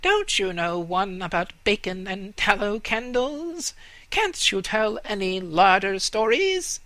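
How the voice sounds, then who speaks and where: A man voicing scornful rats in a storybook reading, high and sneering. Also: expressive, slow pace, pushed and bright, no echo, full character voice.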